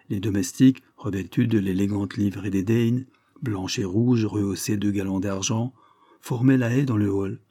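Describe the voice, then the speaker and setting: Give me a man narrating a classic novel in a steady, measured way. His voice is low and slightly husky. It sounds dry and close to the mic. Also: dry recording. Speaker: audiobook reader. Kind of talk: literary narration.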